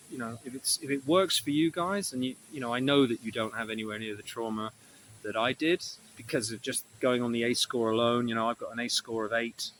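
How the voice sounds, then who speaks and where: A man's voice: mid-range voice, a bit bright, a little hiss or hum, low-quality recording. A man recording a casual, rambling video diary, swearing often and correcting himself, with a mildly sore throat. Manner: meandering, self-correcting, frequent swearing. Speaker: vlogger.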